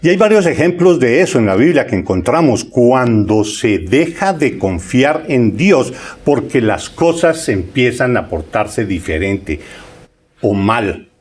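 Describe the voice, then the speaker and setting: Here the preacher's voice is medium-pitched, sing-song, darkish and a touch rough. He delivers his sermon conversationally, often checking in with "¿sí?", repeating words, and drawing out key phrases slowly as he reads scripture aloud.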